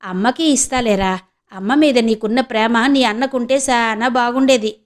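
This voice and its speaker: A woman's voice: on the high side, moderate pace, close to an everyday voice. A woman voicing a shrewd, bold village woman who scolds and schemes in rustic speech. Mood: scolding.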